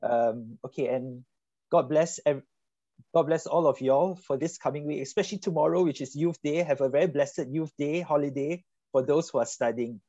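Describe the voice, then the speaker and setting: A man with a soft, mellow tone gives casual closing remarks. His voice sits a little high, and the video-call audio is dull and dry. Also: moderate pace, no room sound.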